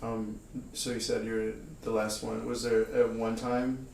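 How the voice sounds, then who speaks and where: A man's voice: lowish voice, level tone, unhurried, gravelly, a little mellow, a little hiss or hum. A man interviewing for an oral history project, asking questions hesitantly with many fillers. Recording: roomy, distant from the mic, faint ambience.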